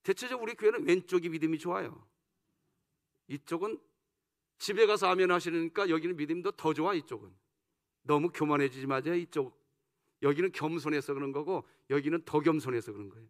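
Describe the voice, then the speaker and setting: A man's voice: fairly high pitch, brisk. A male senior pastor preaching a sermon, leading the congregation in call-and-response and teasing them playfully. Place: church sanctuary.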